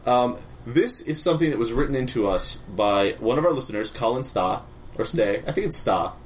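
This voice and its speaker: A man's voice: medium pitch, lively intonation, a little fast, slight background noise. A man hosting a podcast in casual chat, using a put-on radio announcer voice. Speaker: podcast host.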